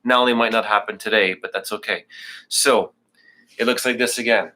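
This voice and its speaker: During a live online yoga class, a man cues his students' breathing in a casual, humorous way, a bit breathless as he goes. He has a fairly low, steady voice at a moderate pace, with a bright, forceful tone.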